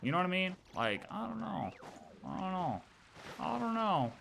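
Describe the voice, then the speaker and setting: A man's high-pitched, creaky, a bit bright voice swings widely in pitch at a moderate pace, with slight background noise. He's a livestreamer reacting to game lore, speculating about the story in slangy, rambling casual chat and repeating phrases for emphasis.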